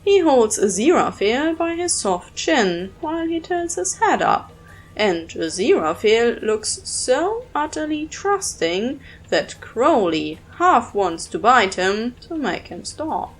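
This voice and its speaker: A woman narrating a fan audio drama in a measured, expressive storytelling manner. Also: fairly high pitch, low-quality recording. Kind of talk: scripted narration.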